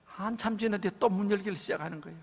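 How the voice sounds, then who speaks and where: A male pastor preaching a revival sermon, telling stories dramatically and acting out the voices of the people in them, swinging from loud to hushed. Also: high-pitched, racing, slight background noise. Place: large church sanctuary. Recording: church hall with long reverb.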